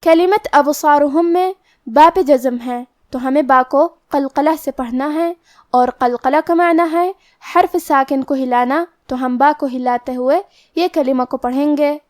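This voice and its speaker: High-voiced woman teaching Quran recitation. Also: darkish tone. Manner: methodical, explains each letter rule step by step; recites verses very slowly and drawn out. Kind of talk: Quran pronunciation lesson with slow recitation.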